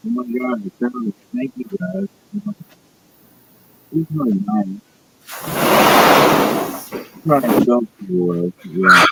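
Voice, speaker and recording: Man guesting on a live stream: excitable, foul-mouthed rant, pitch swinging up and down. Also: slow, long pauses, very noisy. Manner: profane, agitated rambling. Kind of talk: casual live-stream chat.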